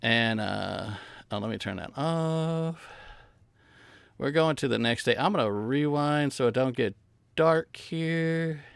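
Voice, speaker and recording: A man hosting a casual game live stream from home, rambling softly as he chats with his viewers. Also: medium pitch, slow pace, creaky, clear, resonant tone, no echo. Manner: rambling, soft-spoken, chatting with viewers.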